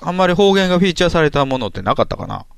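A man's voice: fairly high pitch, big pitch swings, rapid-fire, creaky, fairly bright tone, clear, resonant tone, no room sound, studio quality. A man in his thirties with an Osaka Kansai accent, co-hosting a web radio chat, laid-back with teasing asides. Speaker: co-host of a web radio show. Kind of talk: casual chat.

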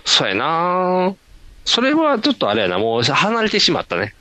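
A man with a Kansai accent co-hosting a casual podcast chat, easygoing and quick to laugh, with lots of nods and agreeing replies. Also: fairly high pitch, wildly swooping pitch, bright, forceful tone, no room sound. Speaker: podcast co-host.

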